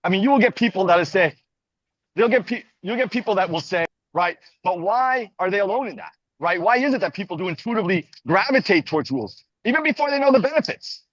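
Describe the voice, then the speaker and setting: A man speaks insistently on a video call, pushing his point while his audio breaks up and drops away. The line sounds muffled and lo-fi. His dry, high voice keeps coming back through the gaps. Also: lively intonation, quick pace, no room sound. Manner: insistent, interrupting. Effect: call audio breaking up, bluetooth cutting out. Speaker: audience member asking a question. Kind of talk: challenging question in an online Q&A.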